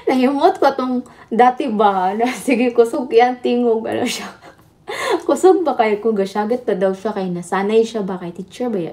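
A woman's voice: on the high side, dark tone. A woman hosting a casual livestream, chatting and laughing with viewers. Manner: chatty, laughing, switching between Tagalog and Visayan. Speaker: livestream host. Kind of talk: casual live chat with viewers.

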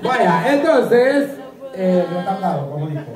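A man's voice: high-pitched, very animated, a little slow. A man with a Salvadoran accent hosting a quiz show, teasing the contestants and laughing often. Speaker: game show host. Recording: echoey, distant mic, loud crowd.

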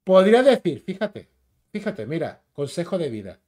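A man's voice: sits high, sing-song, moderate pace, a little mellow. A man with a Spain Spanish accent ranting as a YouTube commentator, combative, mocking and insulting.

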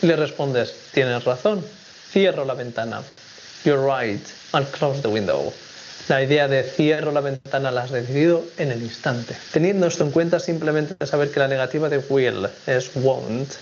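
A man's voice: mid-range voice, a little hiss or hum. Man teaching English on dull video audio. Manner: clear, measured explanations with slow English examples. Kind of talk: recorded video lesson.

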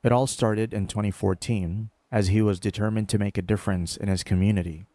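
A man narrating a short documentary profile in a measured, scripted voice-over. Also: on the low side, steady tone, warm tone, dry recording.

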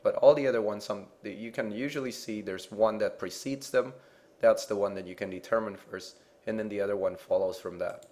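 Low-voiced man teaching chemistry. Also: brisk, darkish tone. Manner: patient, repeats "okay?" to check understanding. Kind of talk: explaining slides in a lecture.

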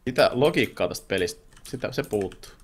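A man playing a video game with a friend, reacting excitably in casual chat and tossing in English words. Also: lowish voice, a little hiss or hum. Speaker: gamer co-host. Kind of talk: casual let's-play chat.

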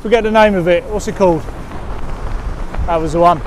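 A man in his forties vlogging as he sea-fishes from a windy harbour wall, rambling with many fillers and excited when he gets a bite. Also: high-pitched, a little fast. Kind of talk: casual outdoor vlogging. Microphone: action camera at arm's length.

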